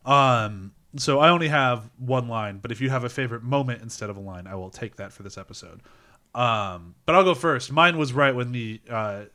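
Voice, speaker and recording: A man hosting a casual film discussion podcast, relaxed and hesitant, with many fillers. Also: medium pitch, moderate pace. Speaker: podcast host.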